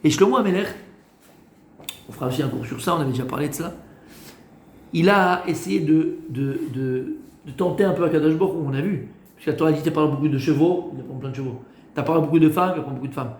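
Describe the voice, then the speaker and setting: Speaking quickly but pausing often, a rabbi with a male voice on the high side teaches Torah to students in a roomy-sounding space. He asks questions and answers them himself, with hesitant fillers and repeated words.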